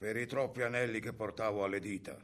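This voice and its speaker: A man's voice: fairly low pitch, steady tone, fast, fairly bright tone, pitched below the performer's own voice, close to an everyday voice. A man doing a sly, coaxing ogress-grandma. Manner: coaxing, falsely sweet.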